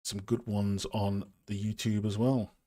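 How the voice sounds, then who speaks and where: A man's voice: lowish voice, little pitch movement, a little slow, warm tone. A man hosting a casual live stream, chatting with viewers in a rambling, self-deprecating way while working on a model. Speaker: streamer and game art host.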